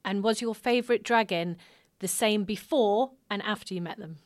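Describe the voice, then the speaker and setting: A woman's voice: mid-range voice, moderate pace, no echo, clean studio sound. A woman hosting a podcast, prompting her guest with follow-up questions. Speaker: podcast host. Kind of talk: podcast interview.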